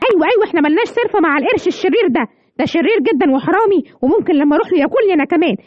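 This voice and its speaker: A woman's voice: very high voice, expressive, racing, dry recording, highs cut off. A woman doing a cowardly grumpy cop. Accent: Egyptian Arabic. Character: cowardly grumpy male police officer. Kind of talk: children's bedtime cartoon story. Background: music.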